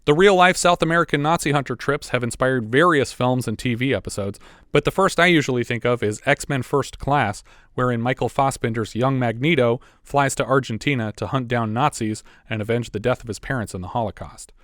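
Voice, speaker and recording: Man, podcast co-host, casual film recap, chatty asides, mid pitch, dry close sound. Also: a little fast, fairly bright tone, no room sound. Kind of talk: casual movie recap and chat.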